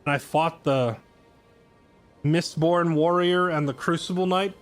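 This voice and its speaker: A man's voice: on the high side, unhurried, faint music behind. A tired man chatting casually on his live stream, sarcastic and self-deprecating.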